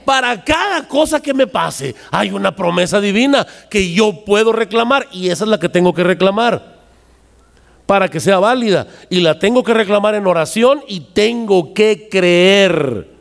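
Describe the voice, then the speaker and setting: A man preaching a sermon in a lively, storytelling way, acting out the voices of the people in his stories. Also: high voice, normal speed, vocal fry. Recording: long hall reverb.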